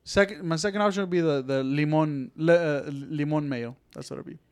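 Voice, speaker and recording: A man's voice: a little high, a little fast, clean tone. A man co-hosting a casual podcast, teasing his friends and laughing often. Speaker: podcast co-host. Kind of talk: casual group chat.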